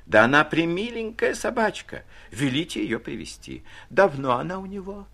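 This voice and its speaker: A man's voice: on the high side, sing-song, normal speed, vocal fry, voice pushed up, full character voice. A man putting on an imperious old lady. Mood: fussy. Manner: fussy, exclaiming, sugary then sharp. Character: capricious old female noblewoman, imperious.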